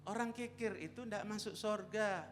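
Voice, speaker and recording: A man preaching a humorous sermon as a pastor, telling stories and bursting into loud shouted lines. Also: high-pitched, normal speed. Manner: animated, jumps to loud shouted exclamations. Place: large church hall. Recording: long hall reverb, faint instrument music.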